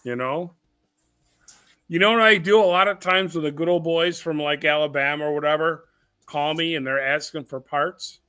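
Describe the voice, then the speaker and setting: A man's voice: a little high, normal speed, clean tone. A man from Chicago who sells car parts, chatting casually and telling stories in a teasing way. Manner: teasing, animated storyteller. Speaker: parts seller. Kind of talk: casual chat.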